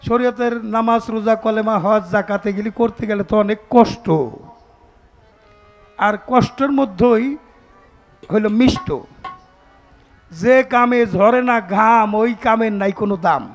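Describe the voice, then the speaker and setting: Man singing pala gaan on stage, very high voice, loud folk band behind. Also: steady tone, a little slow, pauses often, faint music behind. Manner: sings verses then explains in rustic spoken rhythm. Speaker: folk debate singer. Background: folk instruments.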